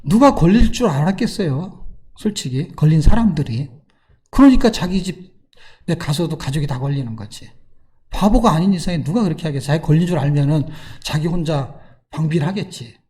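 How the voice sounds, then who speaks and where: A middle-aged man preaching a sermon, telling the story in a lively way with rhetorical questions and acted-out quotes. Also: on the high side, fairly quick. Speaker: pastor.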